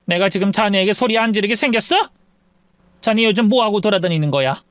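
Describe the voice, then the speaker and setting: A man's voice: high-pitched, brisk, fairly bright tone, clear, resonant tone, no room sound. A man voicing an angry middle-aged mother-in-law who scolds and demands sharply. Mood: furious scolding.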